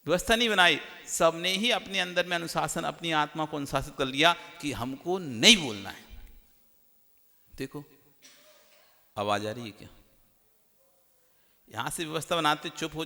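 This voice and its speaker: Monk giving a sermon: man, slightly high, bright voice, rhetorical questions, echoing hall. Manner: questioning the audience directly, rhetorical, lively shifts from loud to hushed. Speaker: Jain monk preacher. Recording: long hall reverb.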